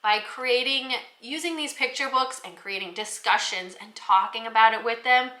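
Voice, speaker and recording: In a rough, reverberant recording, a woman with a slightly high, pushed, bright voice speaks at a moderate pace. As an educator, she recommends classroom books in a conversational, instructional way.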